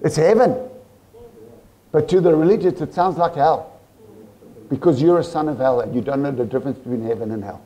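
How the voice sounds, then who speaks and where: A man with a South African accent preaching a sermon in church, animated and full of rhetorical questions to the congregation. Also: fairly high pitch, brisk, long pauses. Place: church service.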